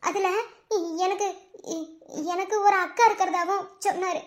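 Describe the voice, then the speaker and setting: A woman's voice: very high-pitched, steady tone, normal speed. A woman voicing a young village wife in a cartoon, speaking with a Madurai Tamil accent in a pleading, sobbing way. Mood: upset. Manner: pleading, sobbing between words. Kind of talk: cartoon voice acting. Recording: cartoon dialogue over background music.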